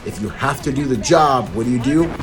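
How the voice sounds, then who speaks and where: A protection professional gives casual, slangy video commentary and analysis, repeating points for emphasis in an informal way. His mid-range voice moves briskly over music on a rough recording.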